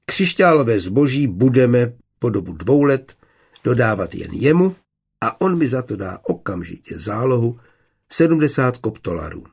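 A man voicing a shrewd, confident young glassmaker who bargains calmly, in an audiobook. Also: medium pitch, creaky, slightly rough, heavily acted. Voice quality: calm, measured.

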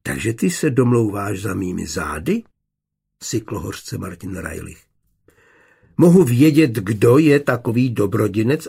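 A bitter, proud master of a glassworks snaps and complains about his debts, voiced by a man. The tone is gravelly and husky, in an audiobook reading. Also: lowish voice, warm tone, full character voice. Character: indebted middle-aged male glassworks master, bitter and proud.

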